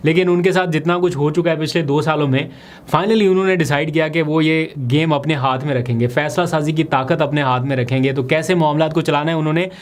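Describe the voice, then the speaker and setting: A man, a political vlogger giving brisk, explanatory analysis of the day's developments. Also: on the high side, fairly even intonation. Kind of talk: political commentary vlog.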